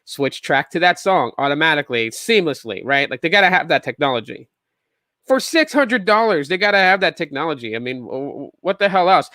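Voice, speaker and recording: A man's voice: fairly high pitch, expressive, fairly quick, pushed and bright, no echo. A man in his thirties hosting a solo tech podcast, talking casually and rambling with sarcastic asides and lots of restarts. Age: 30s.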